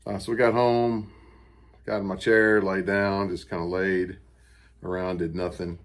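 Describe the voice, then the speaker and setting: Deep-voiced American man, plain-spoken. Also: level tone, measured pace. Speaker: vlogger recovering from surgery. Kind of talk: casual personal video update. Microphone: camera on a stand with ring light.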